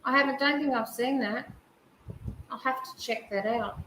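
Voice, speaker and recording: A woman with a high, bright and sharp voice teases in dry casual chat. She sounds roomy and echoey, with a faint hum of noise behind her. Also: normal speed.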